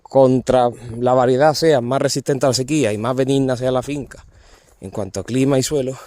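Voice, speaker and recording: A man who prunes olives gives a hands-on demonstration outdoors in an olive grove, informal and constantly pointing things out to viewers. His mid-range voice is mellow and brisk with fairly even intonation.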